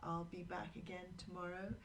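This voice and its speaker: Low-voiced chatty woman drawing live. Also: level tone, moderate pace, gravelly, a little hiss or hum, poor audio. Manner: rambling, anecdotal, talks to viewers while working. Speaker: live drawing show host. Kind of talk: chatty live-stream narration while drawing.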